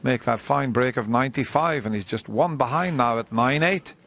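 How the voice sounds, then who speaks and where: A man giving live snooker commentary in a hushed, measured delivery. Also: mid-range voice. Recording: crowd ambience and background noise. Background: snooker arena audience ambience.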